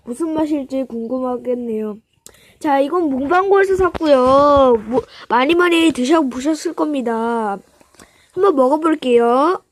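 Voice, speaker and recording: A woman with a high voice hosts a casual snack-eating vlog. She presents to her viewers in polite, simple sentences. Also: unhurried. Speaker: host of a snack eating video. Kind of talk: casual mukbang vlog talk.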